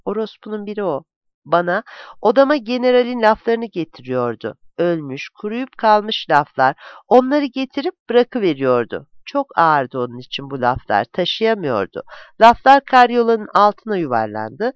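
An audiobook narrator reads a literary novel with a dramatic, expressive delivery. The pitch rises and falls in wide, lively arcs from line to line. The recording is dry and close, with a dull, lo-fi tone. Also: normal speed, smooth, no echo.

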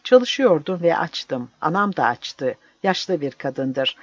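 A man's voice: fairly high pitch, very animated, takes it slowly, no echo, exaggerated voice. A man voicing a young, starving male prisoner who pleads and explains, on a dull, dry recording. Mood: earnest.

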